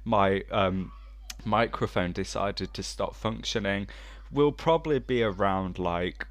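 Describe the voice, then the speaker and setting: A young man with vocal fry, co-hosting a podcast in casual, teasing banter. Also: fairly low pitch, unhurried. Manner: jokey, teasing, sweary. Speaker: podcast co-host.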